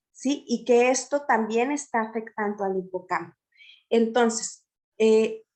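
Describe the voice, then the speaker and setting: Woman lecturing, higher voice. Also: a little mellow. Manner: explanatory, checks in with "¿ok?" and "¿sí?". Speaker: teacher-training lecturer. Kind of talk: lecture to teachers.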